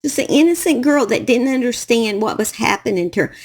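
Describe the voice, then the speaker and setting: A middle-aged woman with a Southern US accent speaks in a somewhat high voice. She tells her own story to camera in a halting, emotional way and circles back over the same phrases. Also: animated, darkish tone. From Southern United States. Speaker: true crime YouTuber.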